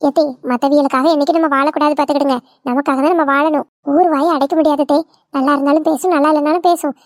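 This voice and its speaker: A woman's voice: sits high, fairly even intonation, quick pace, lightly acted. A woman voicing a playful, talkative young village daughter-in-law, in a cartoon. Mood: cheeky. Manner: playful, teasing, cheeky. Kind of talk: cartoon voice acting.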